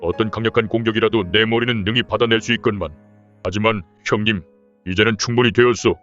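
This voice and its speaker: Man playing low-voiced wuxia henchman brother. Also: steady tone, quick pace, fairly bright tone, lightly acted. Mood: boastful, gleeful. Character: thick-headed, deferential younger-brother villain, cackling and boastful. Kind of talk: dramatized wuxia audio novel. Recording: dull lo-fi audio over music.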